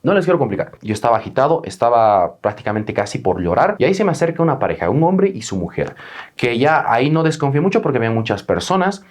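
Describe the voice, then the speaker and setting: A man's voice: medium pitch, fast. A young adult man who is a travel vlogger, recounting a travel mishap in a dramatic storytelling style. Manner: animated, dramatic retelling. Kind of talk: storytelling vlog.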